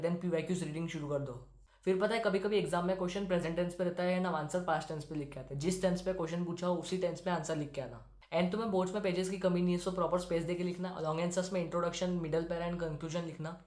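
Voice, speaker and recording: A teenage boy from India, a student giving brisk, direct exam-prep advice as a study-tips talk to camera. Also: high voice, a little mellow. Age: teens. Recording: roomy echo.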